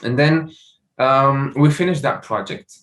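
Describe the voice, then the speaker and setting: A man's voice: medium pitch, a little slow, a bit bright. A young man from Morocco, a startup founder, answering interview questions with many fillers and restarts.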